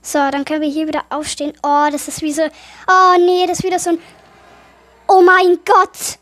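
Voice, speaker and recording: Excitable high-voiced German gamer woman. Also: fast talker. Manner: excitable, easily startled, chatty. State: a little sick, voice affected. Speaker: gaming YouTuber. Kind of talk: horror game let's play commentary.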